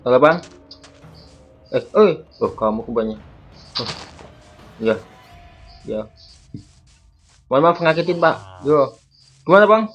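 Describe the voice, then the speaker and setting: A man with a somewhat high voice performs every part in a Minecraft role-play skit himself. He trades lines fast and flares into excited shouting. The audio is muffled and low in fidelity, with soft music running behind him. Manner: quick back-and-forth, jumps between characters, bursts of excited shouting. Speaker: content creator voicing all characters. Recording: dull lo-fi audio with faint background music.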